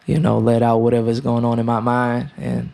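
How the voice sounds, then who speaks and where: A young Romanian musician appears as a guest in an interview, talking in a relaxed, halting way with many fillers and restarts. He has a mid-range voice with vocal fry.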